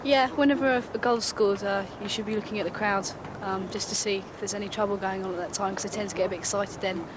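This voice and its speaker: A woman's voice: medium pitch, steady tone, fast, hardly any pauses. A woman police officer giving casual answers in an interview. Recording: clear outdoor traffic noise.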